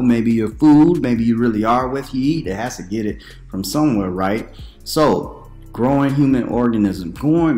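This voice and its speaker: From a room at home, a preacher in his thirties talks casually to the camera, conversational and questioning, with animated asides. His voice is fairly low, and the sound is roomy.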